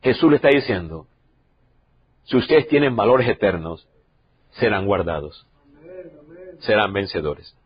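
A man in his sixties preaching a sermon as pastor, swinging from loud, emotional preaching to soft, quiet stretches. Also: on the low side, a little slow, pauses often, husky, dull audio.

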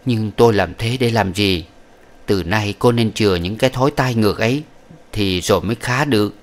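A man's voice: on the low side, natural voice. A man voicing a proud young wife. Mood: cold, firm. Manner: cool, measured lecturing. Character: young woman, proud, cold-tempered wife. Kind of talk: audiobook character voice.

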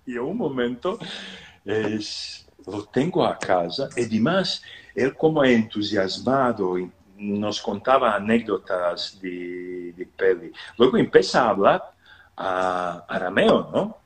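A low-voiced pilgrimage organizer, appearing as an interview guest on a video call through a phone or laptop mic, shares a casual story at an unhurried pace. He stays animated throughout, laughing a lot and doing spirited voices for the people he quotes.

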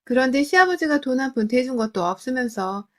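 A woman's voice: high-pitched, animated, fairly quick. A woman narrating a scripted first-person family story in an emotional, confiding way.

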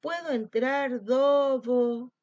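A woman's voice: on the high side, expressive, takes it slowly, dark tone, breathy edge, dry recording, muffled recording, exaggerated voice. A woman doing a tiny babbling lamb. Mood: babyish. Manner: babyish, mispronouncing words. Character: tiny baby lamb, sweet and trusting. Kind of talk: storybook read-aloud.

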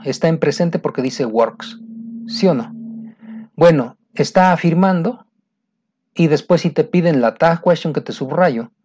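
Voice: medium pitch, mellow. Patient teacher, muffled recording. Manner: patient, repetitive, keeps checking understanding. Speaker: English teacher. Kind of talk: recorded grammar lesson.

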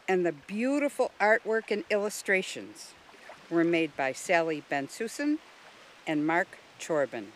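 Slow, expressive woman reading a storybook. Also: fairly low pitch, a little hiss or hum, poor audio. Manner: gentle, expressive read-aloud. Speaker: volunteer narrator.

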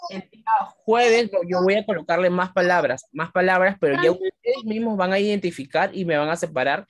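A woman teaching a class of young children, patiently explaining rules step by step and stretching words out slowly while she quizzes her pupils. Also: lowish voice, dry recording, clean studio sound. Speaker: primary school teacher.

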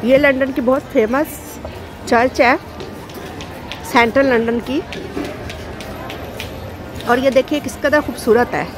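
Her high voice is fairly even and slow, with many pauses, as she strolls a bustling city square filming on a handheld phone. Chatting to viewers tour-guide style, she also calls to her child over the crowd and music.

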